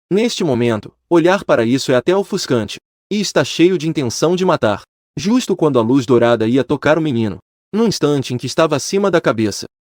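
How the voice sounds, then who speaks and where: Man, scripted story narration, dramatic storytelling, lively intonation, dry close mic. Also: fairly high pitch, no echo.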